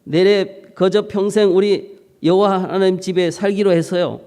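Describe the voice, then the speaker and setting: Pastor doing folksy North Korean dialect psalm reading; slightly raised, smooth, hall reverb. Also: male voice, high voice, steady tone, normal speed, dark tone, pitched above the performer's own voice. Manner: folksy, drawling, playful.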